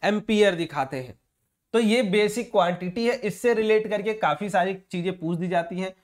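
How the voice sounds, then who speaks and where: A man's voice: high voice, moderate pace. A male physics teacher giving an online exam-prep lesson, casually calling students brother and asking rhetorical check-in questions as he explains. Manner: mixes English terms into Hindi explanation.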